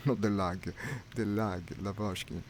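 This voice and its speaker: At a measured pace and with fairly even intonation, a man with a fairly low voice streams a flight simulator and comments on it wryly, half to himself. He's a gaming streamer, and the audio is noisy.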